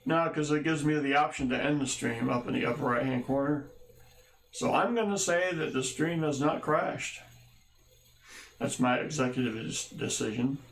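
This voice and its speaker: A man's voice: medium pitch, normal speed, roomy sound, a little hiss or hum. A man hosting a casual livestream, greeting viewers by name with wry, rambling jokes and asides. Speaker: livestream host.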